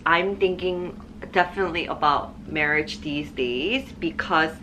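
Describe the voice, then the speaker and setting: Low-voiced woman in her thirties chatting. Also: unhurried, bright, forceful tone, a little hiss or hum, poor audio. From Korea. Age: 30s. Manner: chatty, earnest, fond of quoting herself. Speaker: guest. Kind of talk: casual chat. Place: indoors, getting ready.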